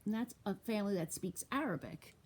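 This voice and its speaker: A woman's voice: medium pitch, a little fast, husky. A woman librarian reading a picture book aloud to young children, asking them questions as she goes. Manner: animated, asks children questions. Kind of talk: storytime read-aloud.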